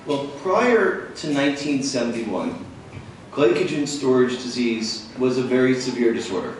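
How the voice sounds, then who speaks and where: A man giving a formal medical lecture in measured short phrases, pausing as if for an interpreter. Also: mid-range voice, sing-song. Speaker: visiting physician lecturer. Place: large echoing room at a talk. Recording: very echoey room, distant mic, faint noise.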